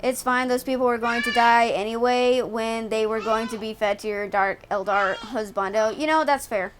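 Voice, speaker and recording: High-voiced, profane woman streamer. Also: fairly even intonation, moderate pace, background noise. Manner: profane, exasperated. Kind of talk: casual live gameplay commentary.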